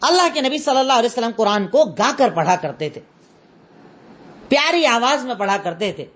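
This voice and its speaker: A woman with an Indian Urdu accent gives a religious lesson in a high voice. She goes step by step and says her references twice so they sink in. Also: expressive, a bit bright. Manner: explains step by step, repeats references. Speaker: religious teacher. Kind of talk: Islamic lesson lecture.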